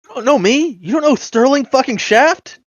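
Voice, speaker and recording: A man's voice: medium pitch, level tone, moderate pace, no room sound, close to an everyday voice. A man playing a vain, theatrical male adventurer who speaks in pompous, indignant outbursts. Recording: dull lo-fi dry mic.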